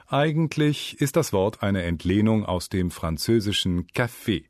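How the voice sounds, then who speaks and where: A man with a low voice narrates an educational script for language learners. He tells it like a story, and his pitch rises and falls a lot. The sound is dry and close, like a studio booth. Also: no room sound. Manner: lively, storytelling delivery. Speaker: narrator of a German learning program.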